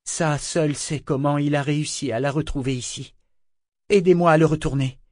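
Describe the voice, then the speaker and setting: A man doing a higher, earnest young man. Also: fairly even intonation, moderate pace, a little mellow, dry recording, studio quality, natural voice. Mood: astonished.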